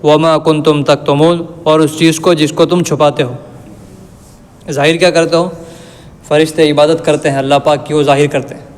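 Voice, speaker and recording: Flat-voiced man teaching scripture, reverberant. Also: fairly high pitch. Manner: recites Arabic verses slowly, then explains them in plain everyday terms. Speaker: Quran teacher. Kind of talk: religious lesson explaining verses. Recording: long reverb.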